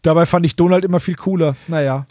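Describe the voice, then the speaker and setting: Fast and mellow, with a fairly high pitch and fairly even intonation, a man chats humorously as a podcast co-host about an audio drama. He's colloquial and jokey, slipping into short mock quotes, and the clean studio recording has no room sound.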